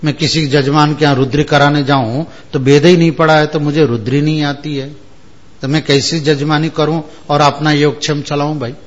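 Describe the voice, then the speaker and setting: A man's voice: a little high, flat delivery, normal speed, muffled recording. A man giving a spiritual discourse, chanting verses and explaining them word by word, often checking with his listeners. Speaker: religious discourse speaker.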